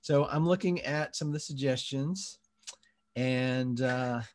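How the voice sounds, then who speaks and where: Speaking slowly at a medium pitch, the host of a live comedy show streamed online keeps things loose and relaxed on a video call, his speech filled with many fillers.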